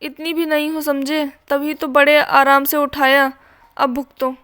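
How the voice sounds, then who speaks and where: A sharp-tongued young woman with cheeky comebacks, read by a woman narrator. Her storybook voice is high and even. It is delivered slowly. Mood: feisty. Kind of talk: storybook reading.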